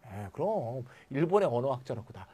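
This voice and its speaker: A man's voice: mid-range voice, brisk, slightly rough. A man teaching an English grammar lecture in a chatty, blunt manner, full of asides. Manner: lively, chatty and blunt, with asides and mild swearing.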